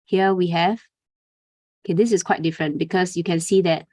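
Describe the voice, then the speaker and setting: A woman's voice: lowish voice, steady tone, fairly quick, darkish tone, dry recording. A young adult woman presenting a live trading webinar, chatty and informal, tagging lines with "okay" and "right?". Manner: conversational, frequent "okay" and "right?" tags, fillers. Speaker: trading instructor.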